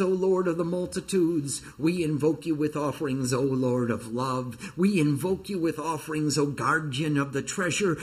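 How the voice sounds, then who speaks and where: A man with a somewhat high voice guides listeners through a scripture reading, setting each invocation out slowly and evenly. Between the verses he drops into plain explanation of the terms, like a teacher addressing a small class. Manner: slow, measured recitation of invocations. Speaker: spiritual teacher leading a reading. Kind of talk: reading scripture translation with commentary.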